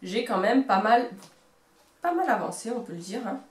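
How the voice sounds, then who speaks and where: A woman's voice: on the high side, sing-song, moderate pace. A woman in her thirties with a Marseille accent chatting casually about her knitting, rambling and hesitant, with self-mocking humor. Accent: Marseille French. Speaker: knitting vlogger. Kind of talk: casual show-and-tell chat. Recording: roomy echo.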